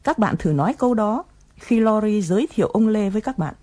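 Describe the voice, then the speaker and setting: A woman's voice: medium pitch, lively intonation, a little fast, mellow. A woman presenting an English lesson, explaining phrases patiently and coaxing learners to repeat them.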